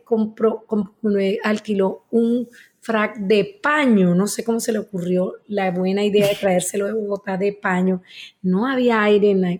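A Colombian woman in her sixties, a guest telling a wedding story in casual chat, acting out the people she quotes. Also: medium pitch. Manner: animated anecdote teller, acts out quoted voices.

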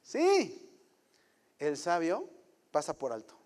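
A middle-aged pastor preaches in a slightly high voice, chatty and full of quick rhetorical questions. His sermon echoes with a long reverb through a church hall. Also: expressive.

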